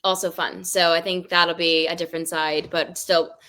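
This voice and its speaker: Bright-voiced animated woman singer guest. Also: lowish voice, moderate pace. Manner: animated storyteller, laughs often. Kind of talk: casual interview.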